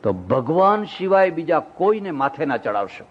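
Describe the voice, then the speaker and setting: An older man giving a storytelling sermon as a monk, animated and acting out the people in his stories. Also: fairly high pitch, moderate pace, slight background noise. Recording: dull lo-fi recording.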